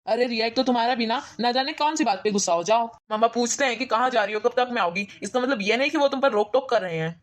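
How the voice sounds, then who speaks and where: A woman's voice: a little high, fast talker, few pauses, lightly acted. A woman voicing a patient young husband in a cartoon story, reasoning and pleading.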